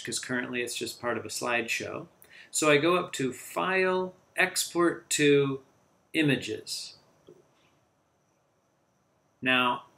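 A man explains a computer task one click at a time, in an easygoing teaching tone. His voice sits in a middle register with a gravelly fry at the ends of phrases. It sounds like a tutorial narrated over a screen recording. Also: mid-range voice. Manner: relaxed step-by-step walkthrough.

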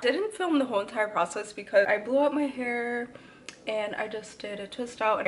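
A woman's voice: mid-range voice, a bit bright. A young woman vlogging casually about her weekend, talking with a slight lisp from her retainer. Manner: chatty, says y'all and like often. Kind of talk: casual vlog chat.

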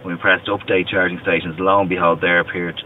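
Deep-voiced man explaining car features. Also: little pitch movement, a little fast. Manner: patient, step-by-step explaining with restarts. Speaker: car company representative. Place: inside a parked car. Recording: distant, tinny, lo-fi with faint noise.

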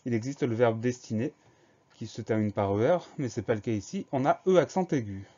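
A male teacher walks through a dictation list word by word, spelling each one out letter by letter in a calm, patient way. His voice sits at an ordinary middle pitch, and the recording sounds a little dull and lo-fi. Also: fairly quick.

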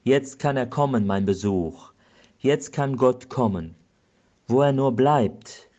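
A priest voicing a frantic, excited man who shouts high and breathless as he cleans his house for a visitor, in a dull lo-fi recording. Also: slow, lightly acted. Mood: eager.

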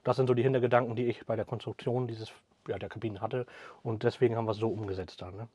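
A middle-aged craftsman talks through the fittings of his camper cabin at a brisk clip. His voice sits in an ordinary middle pitch and often fades out softly as he finishes a thought. He was recorded up close in a small, cramped cabin. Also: steady tone, slightly rough. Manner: fast, trailing off at sentence ends, frequent tag "ne?". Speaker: cabin builder presenting his product. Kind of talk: explaining a product in an interview.

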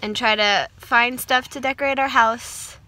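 A woman's voice: fairly high pitch, steady tone, a little slow, pushed and bright. A young woman, a mother hosting a casual home vlog, chatting and asking her toddler questions.

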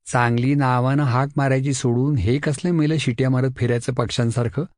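A man's voice: medium pitch, fairly even intonation, fairly quick, a little mellow, no echo, clean studio sound, close to an everyday voice. Brief: man voicing a cranky storybook granny, grumbling. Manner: grumbling, calls out. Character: grumbling old grandmother, fussy and sharp-tongued.

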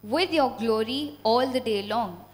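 A woman's voice: fairly high pitch, a little slow, over a noisy crowd. A young woman, a lay reader, solemnly reciting a psalm into a handheld microphone in an echoing church. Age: young adult. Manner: solemn, formal reading. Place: inside a church at the lectern. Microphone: handheld microphone held close. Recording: echoing church with long reverb.

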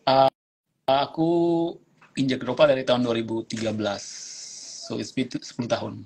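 A man's voice: mid-range voice, steady tone, normal speed, gravelly, a little mellow. A young man from eastern Indonesia, a guest on a phone livestream, chatting in a laid-back way and mixing English phrases into his talk. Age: young adult. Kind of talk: casual livestream chat.

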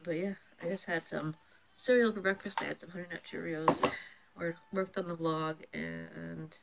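A woman's voice: lowish voice, fairly even intonation, normal speed, gravelly, slight background noise, poor audio. A woman in her twenties chatting casually to the camera as a vlogger, recorded on a handheld phone. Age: 20s. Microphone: handheld phone at arm's length.

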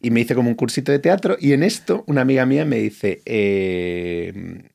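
A man's voice: medium pitch, expressive, moderate pace, creaky, darkish tone. A middle-aged man from Spain, an actor and the guest, telling anecdotes in casual conversation, acting out quoted lines and often restarting his sentences. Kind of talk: casual interview chat.

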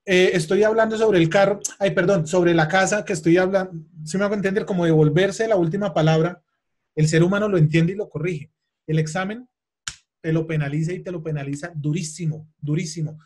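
Pitched fairly high with a darkish tone, a man leads a webinar lesson for an English exam. He speaks emphatically, repeats key points, and asks his audience questions.

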